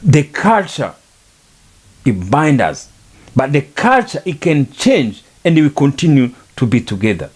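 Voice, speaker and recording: A man's voice: medium pitch, big pitch swings, unhurried, husky. A middle-aged man, speaking on a podcast in an earnest, repetitive, preaching manner about faith and culture. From Rwanda. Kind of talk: reflective monologue on faith and culture.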